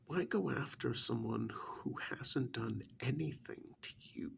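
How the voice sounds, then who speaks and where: In an ASMR role-play monologue, a man speaks softly in a breathy, gravelly half-whisper, phrasing things deliberately and pointedly with pauses. His pitch is medium, and there's a little hiss or hum.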